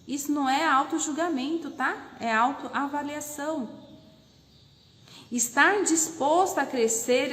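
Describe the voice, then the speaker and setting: A woman's voice: high voice, reverberant, big-room sound. A Brazilian woman coaching on self-knowledge in a casual live lesson, emphatic and full of rhetorical questions. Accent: Brazilian Portuguese.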